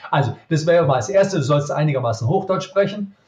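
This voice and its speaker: A middle-aged magician from Cologne with a Cologne accent, answering interview questions emphatically and tagging points with quick questions. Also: male voice, fairly high pitch. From Cologne, Germany. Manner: emphatic, lively, frequent "ja?" tag questions. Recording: roomy, dull lo-fi sound.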